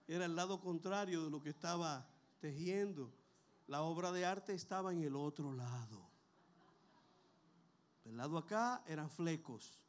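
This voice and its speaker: Preacher guy, high voice, chatty sermon full of questions and little laughs. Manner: storytelling with rhetorical questions and soft laughs.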